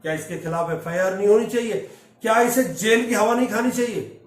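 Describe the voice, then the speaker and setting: A man's voice: high voice, a little fast, reverberant, distant mic. A man delivering opinion commentary on the news with indignant rhetorical questions to his viewers.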